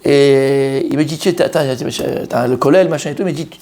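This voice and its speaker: Fast-talking rabbi telling a story. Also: male voice, medium pitch. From Israel. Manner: animated storyteller who acts out quoted voices. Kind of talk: storytelling sermon.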